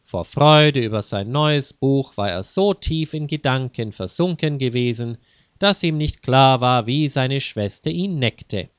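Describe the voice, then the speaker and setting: A man reads a children's story aloud at a slow, measured pace. His voice is smooth and clear. The recording is dry and close, with no room sound. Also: medium pitch, expressive, dry recording. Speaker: narrator.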